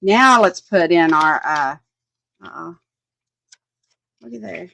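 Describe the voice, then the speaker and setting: A woman's voice: on the low side, animated, slow pace, vocal fry, fairly bright tone, a little hiss or hum, poor audio. A woman, chatting casually as she works on a craft project, thinking aloud, often laughing, and answering viewers' comments. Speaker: crafting livestream host.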